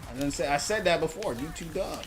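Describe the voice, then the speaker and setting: A man's voice: a little high, lively intonation, quick pace, music in the background. A man streaming a game, ranting in a heated, repetitive, mocking way at a viewer in his chat. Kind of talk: ranting live stream commentary.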